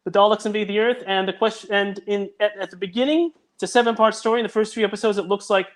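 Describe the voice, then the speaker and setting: A man with a high-sitting voice talks fast in a steady tone. He writes audio dramas and is a guest on a casual video call, thinking aloud as he explains his story.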